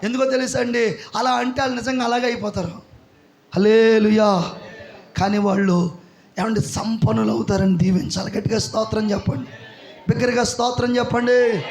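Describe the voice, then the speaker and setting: A man preaching a revival sermon, often shouting praise calls to the congregation and acting out the people in his stories. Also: very high voice, creaky. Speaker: pastor.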